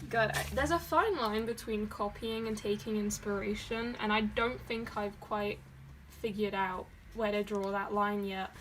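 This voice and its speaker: A woman's voice: medium pitch, slight background noise. A young woman from Dorset, England, rambling and giggling as she talks through her sketchbook at her desk. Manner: giggly, rambling and self-deprecating. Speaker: artist showing her sketchbook. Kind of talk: casual sketchbook tour.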